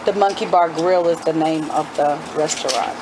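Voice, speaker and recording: A middle-aged homeschooling mother with a deep voice reads a children's book aloud at a moderate pace, in a very noisy recording. She talks the story over with her young children, asking them questions and explaining asides.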